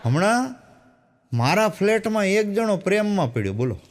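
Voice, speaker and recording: High-voiced man telling folksy jokes. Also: very animated, normal speed, slight background noise. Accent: Gujarati, Saurashtra dialect. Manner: storytelling, quoting characters in dialogue. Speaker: stand-up comedian. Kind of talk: Gujarati joke telling.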